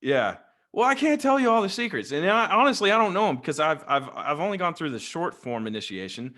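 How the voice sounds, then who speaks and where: A man's voice: on the high side, very animated, a little fast, pushed and bright. Chatty man telling stories. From West Texas. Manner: chatty, rambling, jokey. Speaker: guest, Freemason. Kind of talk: casual storytelling interview. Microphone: desk microphone on a video call.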